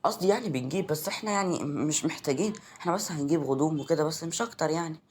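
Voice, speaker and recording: A man's voice: a little high, rapid-fire, close to an everyday voice. A man voicing a sly, pushy young woman in an Egyptian accent, in a read-aloud audio story.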